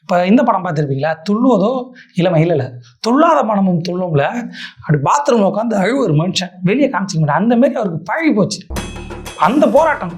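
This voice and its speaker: A woman's voice: mid-range voice, very animated, fast talker, darkish tone, faint music behind. A woman giving a sarcastic political roast commentary, mocking her targets with a stream of rhetorical questions.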